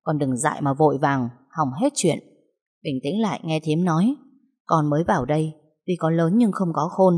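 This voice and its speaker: A woman's voice: deep voice, moderate pace, a little mellow, breathy edge. A woman voicing a protective, motherly older kitchen aunt who comforts and scolds by turns, in a storybook reading. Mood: firm. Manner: soothing, then firm and scolding. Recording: long hall reverb.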